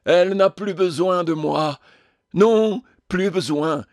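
A theatrical ghost tragedian, as a male narrator puts him on, declaiming in a raised, high-strung voice. His words come slow and heavy, and the recording is close and dry. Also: steady tone, no room sound. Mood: despairing. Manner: declamatory, melodramatic.

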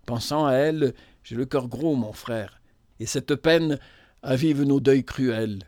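Timid pious young woman read by a man, hushed earnest tone, storybook reading, dry sound. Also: medium pitch, slow pace, dry recording, close to an everyday voice. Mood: sorrowful.

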